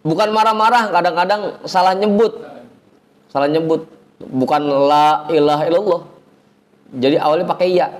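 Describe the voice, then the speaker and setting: A man teaching an informal religious lesson, chanting Arabic phrases slowly, then explaining in a chatty, teasing way. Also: high voice. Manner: chatty, teasing the audience, colloquial asides. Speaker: ustadz teaching a religious study circle.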